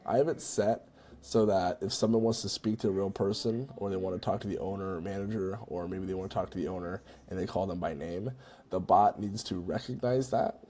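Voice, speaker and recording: Walking viewers through some software on a screen recording, this man talks in a relaxed, conversational way, often tossing in "right?" and "you know." He has a low, mellow voice with fairly even intonation and a brisk pace.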